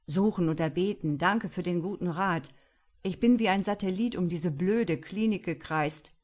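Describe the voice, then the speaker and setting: A gruff, cynical male police detective, as a woman reader puts him on in a crime audiobook. He drops sour, sarcastic remarks in a low-set voice. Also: normal speed, a little mellow, natural voice. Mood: grumbling.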